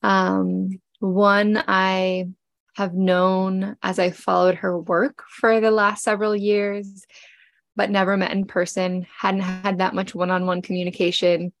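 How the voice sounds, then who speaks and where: Getting over a cold and still congested, a podcast host in her forties talks tenderly and slowly in a mid-range, level voice with a creaky, gravelly quality. Her personal, reflective talk is gentle and heartfelt, full of pauses and fillers, and the recording is dry and close.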